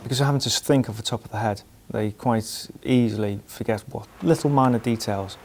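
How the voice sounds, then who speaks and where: A man police officer calmly explaining methods in an interview. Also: mid-range voice, brisk, slight background noise. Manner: calm, explanatory.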